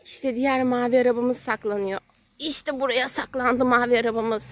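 Outside at a pile of sand and gravel, a parent from a kids' channel playfully narrates toy play for her small child. Her voice is a little high with fairly even intonation and normal speed, using simple sing-song phrases, repetitions, and questions.

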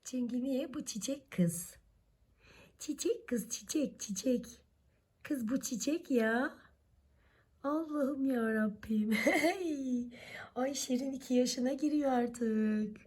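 A woman with a husky, hoarse voice that is nearly gone, fussing over a sleeping pet in drawn-out baby talk. She speaks slowly, in a fairly high but mellow tone, often sinking into a half-whisper. She coos and dotes the whole time, as if trying not to wake the animal. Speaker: vlogger filming her sleeping cat. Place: warm room at home.

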